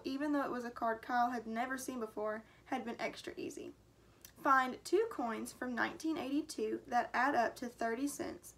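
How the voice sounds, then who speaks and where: A woman teacher reading a chapter book aloud to her class, expressive and acting out the dialogue. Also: fairly high pitch. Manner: expressive, acts out character lines. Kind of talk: storybook read-aloud. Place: home.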